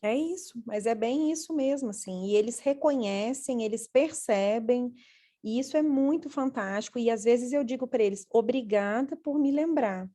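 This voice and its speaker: A woman who is a parenting educator and mother, telling stories from home in an earnest, animated way. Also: a little high, moderate pace. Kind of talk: casual conversation.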